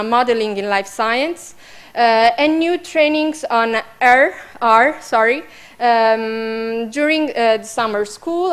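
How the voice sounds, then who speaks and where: A woman's voice: on the high side, clean tone. A woman with an Italian accent presenting training programs at an information session, hesitant with many fillers.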